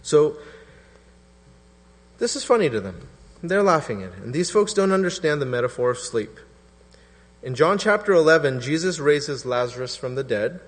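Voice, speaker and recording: A man in his thirties preaching a sermon in a relaxed, conversational way, acting out quotes in different voices. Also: fairly high pitch, normal speed, long pauses. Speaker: pastor. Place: church hall. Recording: reverberant church hall.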